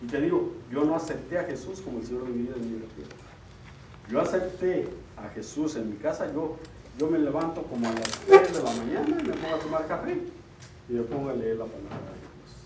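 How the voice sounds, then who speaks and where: This middle-aged lay speaker at a church retreat has a medium-pitched, darkish voice and speaks briskly, very animated and earnest. He frequently checks on listeners with an "ok?" tag. Captured from far off in a roomy hall, the audio carries a little hiss or hum.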